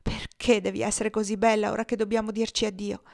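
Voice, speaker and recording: A woman reading the lines of an eager, restless young man who talks fast and with youthful enthusiasm. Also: medium pitch, flat delivery, vocal fry, darkish tone, lightly acted. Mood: forceful. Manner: hurried, enthusiastic.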